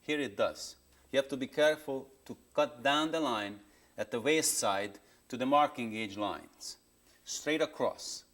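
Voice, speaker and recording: Heard from a worn videotape copy, a man teaches woodworking step by step, patiently and in plain English with non-native phrasing. His mid-range voice is a bit bright and a little slow.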